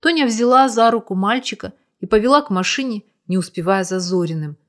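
A woman reading a story aloud as narrator, in steady, even storytelling. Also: mid-range voice, fairly quick. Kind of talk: scripted audiobook narration.

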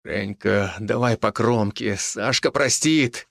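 A man voicing a desperate police major who bellows and rasps, hoarse with strain. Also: fairly low pitch, takes it slowly, a bit bright, dry recording, studio quality, full character voice. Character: desperate middle-aged police major, male, furious.

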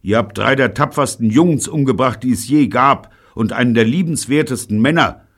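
An audiobook narrator voicing a defiant boy who speaks out loudly and earnestly. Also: fairly low pitch, sing-song, moderate pace, husky, voice pushed up.

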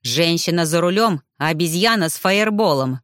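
A woman voicing an arrogant, gruff male rider who barks and speaks with contempt, for an audiobook. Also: on the low side, lively intonation, normal speed, a bit bright, no room sound, studio quality. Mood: irritated. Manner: barking, contemptuous.

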